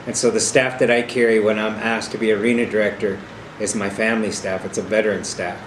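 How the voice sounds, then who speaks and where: A man's voice: fairly low pitch, a little fast. A middle-aged or older man giving an informal, earnest explanatory talk as a powwow arena director, stressing key points with repeated phrases. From South Dakota, United States. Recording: echoey room with clear steady background hum.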